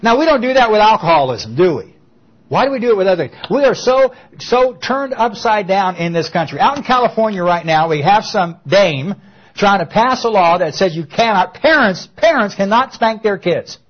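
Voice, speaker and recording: An older man delivers a sermon in an emphatic, storytelling way, breaking into animated asides. His voice is husky and sits a little high. The recording sounds muffled and lo-fi. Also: moderate pace. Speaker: pastor.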